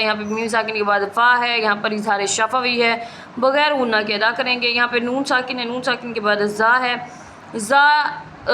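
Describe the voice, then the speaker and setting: A woman recitation teacher with a bright, slightly high voice works through each rule methodically, repeating it for her students. There is a faint hiss of noise behind her. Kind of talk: step-by-step recitation rules lesson.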